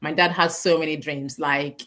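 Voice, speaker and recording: A woman's voice: sits low, fairly even intonation, normal speed. A woman from Ghana hosting a live stream, chatting casually and a little emotionally over a video call. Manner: warm, emotional, rambling with laughs.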